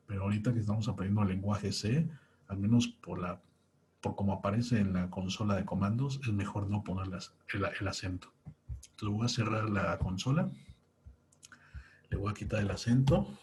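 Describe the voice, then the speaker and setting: Male tutor, young, patient step-by-step delivery, mellow tone. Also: fairly low pitch, slight background noise. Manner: patient, walks through each step aloud. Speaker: programming teacher. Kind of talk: screen-recorded coding tutorial.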